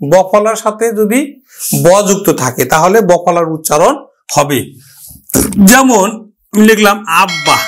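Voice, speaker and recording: A man with a high, light voice teaching a grammar lesson. He asks a question, answers it himself, and drills each example word slowly, saying it more than once.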